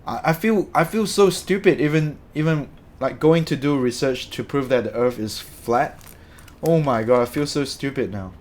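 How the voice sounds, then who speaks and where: At a moderate pace, a young man from Malaysia talks in a mid-range, slightly mellow voice, loosely answering his live-stream chat while rambling and correcting himself.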